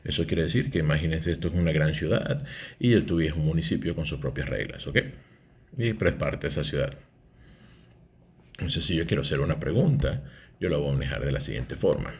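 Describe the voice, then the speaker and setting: A man's voice: extremely low pitch, fairly quick, a little mellow. A man, teaching an English grammar lesson and explaining step by step, often checking in with "¿ok?".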